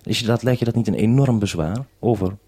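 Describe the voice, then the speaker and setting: A male radio presenter runs a live interview, asking probing, unscripted questions in a measured, orderly manner. His voice is fairly low and warm, with a breathy edge.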